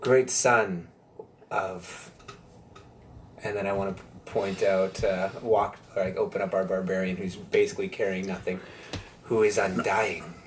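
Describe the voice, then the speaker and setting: A man playing a tabletop game, talking in a halting, hesitant way. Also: low voice, flat delivery, slight background noise. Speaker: player. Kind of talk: casual tabletop play.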